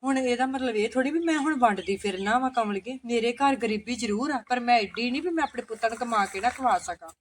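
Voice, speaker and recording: A woman's voice: fairly high pitch, fast, few pauses, slight background noise, natural voice. A woman playing a fussing poor village mother. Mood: refusing. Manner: fussing, exclaiming, firm. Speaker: sister-in-law.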